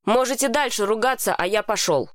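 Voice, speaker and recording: A woman reading an audiobook, voicing a frightened boy in pain who shouts and pleads. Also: a little high, fairly quick, dry recording, studio quality, close to an everyday voice. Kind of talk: audiobook character voice.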